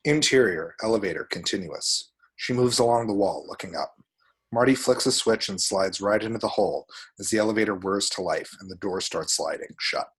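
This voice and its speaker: A man's voice: on the low side, fairly quick, husky. A man reading out a screenplay's action descriptions at a table read, with vivid, dramatic storytelling. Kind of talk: scripted screenplay narration with spoken sound effects.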